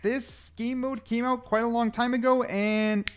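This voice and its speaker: A young man voicing over gameplay clips as a gaming commentator, excitable and sarcastic, a little out of breath. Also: very high-pitched, smooth. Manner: fast, excitable, sarcastic rants. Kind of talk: energetic game commentary voice-over.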